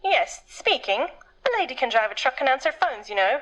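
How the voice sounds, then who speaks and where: A cheeky, officious phone clerk and truck driver in a game. Her voice is high and sing-song, with a slightly muffled sound. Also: sing-song, brisk, fairly bright tone, exaggerated voice. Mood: officious, teasing. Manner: officious and teasing.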